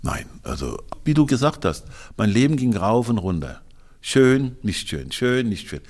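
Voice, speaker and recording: A man's voice: medium pitch, very animated, unhurried, darkish tone. A man in his sixties, a guest in a casual interview, talking in a blunt, colloquial and emphatic way with some crude slang. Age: 60s.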